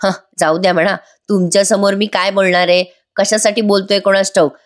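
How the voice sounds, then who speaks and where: A defiant grown son, sarcastic and rude toward his parents, voiced by a woman reviewing a TV serial. He retorts in quick, cutting lines. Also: medium pitch, little pitch movement, lightly acted. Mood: stubborn.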